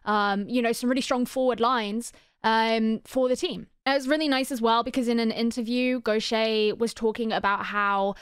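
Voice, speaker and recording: A young woman with a fairly high, smooth and clear voice talks through hockey picks in a loose, chatty way. She reads out player stats, then riffs on them, full of ums and restarts. The sound is close and dry, with no room around her. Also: dry recording. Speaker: hockey video creator. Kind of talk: casual sports analysis.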